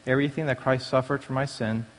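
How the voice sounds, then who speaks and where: Born in Taiwan and brought up in the United States from the age of five, a man presents a prepared personal testimony at a church recovery meeting. His medium-pitched voice keeps a fairly even intonation at a quick pace, echoing at length through the large hall.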